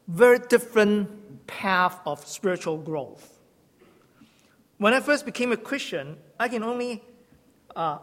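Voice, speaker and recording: Guy, kinda high voice, halting church teaching talk with little jokes, big reverby hall. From Hong Kong. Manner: halting, self-correcting, gently humorous. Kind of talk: sermon-style teaching talk.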